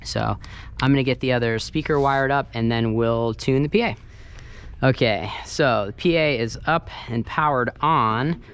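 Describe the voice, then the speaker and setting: Medium-pitched and fairly bright, a man's voice moves at a moderate pace as he casually explains his sound engineering work hands-on. He's recording in a large banquet hall, carpeted with a wooden dance floor, with room noise clearly audible.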